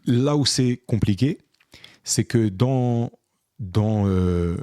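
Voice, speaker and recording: A man's voice: mid-range voice, very slow, no echo, studio quality. A man telling a long story in casual podcast chat, acting out dialogue with lots of fillers. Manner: animated, re-enacts dialogue with many fillers. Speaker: podcast co-host, photographer.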